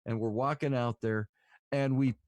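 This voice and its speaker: A man's voice: medium pitch, steady tone, moderate pace, a little mellow, no echo. Rambling storytelling podcast man. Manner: rambling, filler-heavy storytelling. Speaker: podcast host. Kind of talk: casual storytelling chat.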